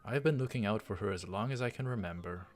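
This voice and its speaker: Over the quiet music of a visual novel, a man with a lowish voice reads quickly through the text for his let's play. Along the way he adds loose, hesitant, rambling commentary.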